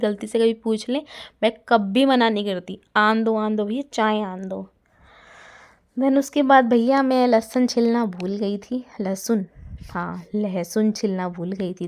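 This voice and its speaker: A woman's voice: mid-range voice, darkish tone. A young adult woman narrating her day in a chatty home vlog voice-over. She talks to viewers like friends and mixes English words into her talk. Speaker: vlogger.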